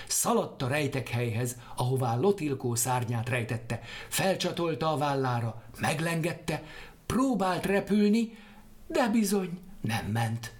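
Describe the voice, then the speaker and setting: Male storyteller, animated pitch, expressive folk tale reading. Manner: lively, expressive. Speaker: narrator.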